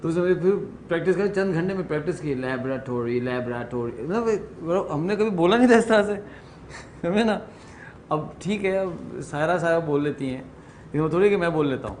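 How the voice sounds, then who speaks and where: A man's voice: high voice, a little mellow, a little hiss or hum. A middle-aged man leading a training workshop, chatting informally, mixing in English phrases and telling self-deprecating stories to a room. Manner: acts out dialogue in stories. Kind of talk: informal workshop lecture with anecdotes.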